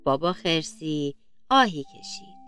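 A woman reading a children's story aloud in a gentle, slow storytelling manner. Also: deep voice, expressive, faint music behind.

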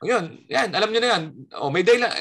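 Lively, bright Filipino comedian. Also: male voice, high-pitched, quick pace, gravelly. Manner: animated storyteller acting out quotes. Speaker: stand-up comedian. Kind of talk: casual chat telling a story.

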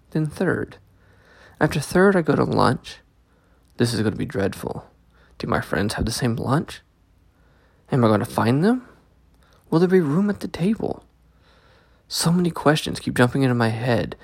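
A man narrating a scripted first-person story as a host, with a gravelly, creaky voice, close to the microphone. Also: mid-range voice, dry recording. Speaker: host and story reader of a podcast.

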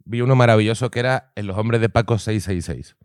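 A man's voice: lowish voice, a little mellow, clear, resonant tone, dry recording. A man with a Spain Spanish accent, co-hosting a comedy podcast, enthusiastic and sweary in casual chat at a table mic. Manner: enthusiastic, sweary, quick reactions. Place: at a table with microphones.

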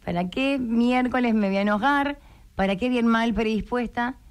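A woman's voice: a little high, moderate pace, clean tone. A woman with a Rioplatense Spanish accent, a writer and coach, chatting as a guest in a radio interview and acting out the voices she quotes. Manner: lively, acts out inner voices and quotes.

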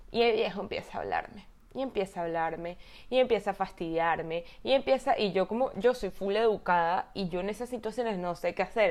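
A woman in her twenties with a Venezuelan Spanish accent, telling a story in casual chat, animated and exasperated, swearing freely. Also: mid-range voice. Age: 20s.

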